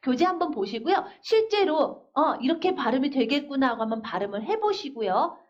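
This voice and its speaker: A woman's voice: sits high, big pitch swings. A woman teaching a phonics class, spelling words out letter by letter and asking her students questions. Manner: patient, drills words slowly letter by letter; asks the class questions and answers them herself. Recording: dull, lo-fi older recording.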